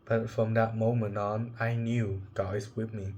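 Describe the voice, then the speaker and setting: Slow, halting young man sharing a story. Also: fairly low pitch, flat delivery, a little mellow, slight background noise. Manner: halting, searching for words, emotional. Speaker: vlogger. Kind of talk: personal reflective monologue.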